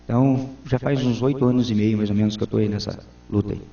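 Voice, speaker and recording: Forties guy, councilman answering interview questions, earnest and formal, mellow voice, echoey room. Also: fairly low pitch, steady tone, quick pace, creaky. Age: 40s. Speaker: town councilman, interview guest. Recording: roomy, distant, dull lo-fi sound.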